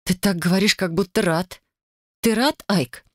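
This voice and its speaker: A man voicing a sharp, defiant young wife who speaks with sarcasm and accusation in an audiobook. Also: medium pitch, lively intonation, brisk, no room sound, clean studio sound, pitched above the performer's own voice, natural voice. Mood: shocked, angry. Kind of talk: audiobook character voice.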